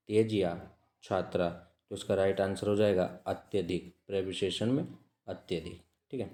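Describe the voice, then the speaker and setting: A man teaching as an exam-prep tutor, reading out test questions, then repeating each answer in a measured way. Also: lowish voice, warm tone, roomy sound. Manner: measured, repeats answers with frequent "ठीक है" checks.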